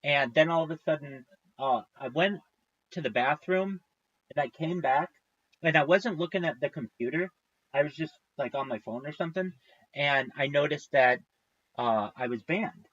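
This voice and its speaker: Husky-voiced man in his thirties ranting. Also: on the high side, normal speed, a bit bright, no echo, dull audio. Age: 30s. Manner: profane, exasperated, rambling. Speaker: livestreamer. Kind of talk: casual storytelling rant.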